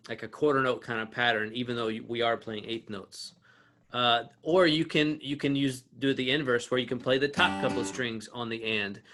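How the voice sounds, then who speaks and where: A man's voice: medium pitch, a bit bright. A man teaching an online acoustic guitar lesson, explaining with restarts and fillers and counting beats aloud while he plays. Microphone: video call.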